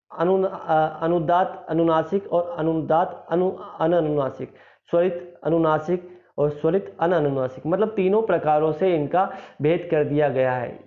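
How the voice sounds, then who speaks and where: A male teacher, explaining a grammar lesson and repeating each point as a question he then answers. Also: a little high. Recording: slightly dull, lo-fi recording.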